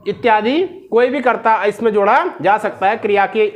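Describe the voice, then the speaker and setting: A North Indian man with a strikingly high voice teaches a Sanskrit grammar lesson. He drills his student with question after question and repeats their answers back. Whenever he recites a rule, he slows right down. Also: fairly even intonation, highs cut off.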